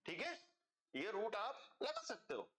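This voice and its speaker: A man's voice: high voice, wildly swooping pitch, a little slow, fairly bright tone, reverberant. A man teaching a math class online, explaining step by step and checking in with his students again and again, calling them kids. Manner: calls students "beta" and "bachcho".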